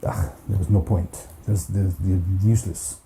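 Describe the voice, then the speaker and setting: A man with a deep, creaky voice narrates a casual play-through of a solo board game campaign at a moderate pace and fairly even intonation. Chatty and self-mocking, he counts dice aloud over background noise.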